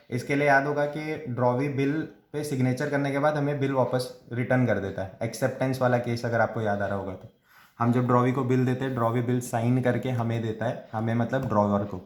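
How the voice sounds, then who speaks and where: A male commerce tutor, at a middle pitch, talks through a lesson step by step. He asks questions and answers them himself, and slows right down to read out definitions. His voice rings in an echoey room. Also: steady tone. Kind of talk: classroom lecture in Hinglish.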